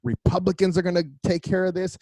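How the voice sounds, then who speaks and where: A man's voice: high-pitched, quick pace, no echo, poor audio. A man co-hosting a comedy podcast, telling a long profane story and acting out the people in it. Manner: profane, animated, acts out quoted voices. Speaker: podcast co-host.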